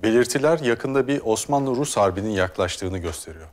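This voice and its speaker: An actor playing a courteous diplomat at court, speaking formally and deferentially in a period TV drama. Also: male voice, fairly low pitch, expressive, normal speed, lightly acted. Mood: courteous, assured.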